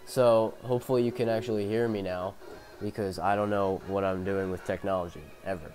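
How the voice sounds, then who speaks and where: Coughing and unwell, a young man narrates a racing game from his bedroom via headphone mic in a rambling, profane, self-mocking way. He speaks fairly quickly in a lowish, level, slightly mellow voice, with faint music behind.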